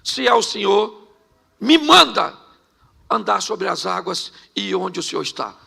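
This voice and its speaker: A man's voice: high-pitched, big pitch swings, measured pace, gravelly, sharp tone, breathy edge, exaggerated voice. A man voicing the disciple Peter, eagerly asking to be called out onto the water. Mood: bold. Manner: eager, hesitant questioning. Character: Peter, bold frightened fisherman disciple, man.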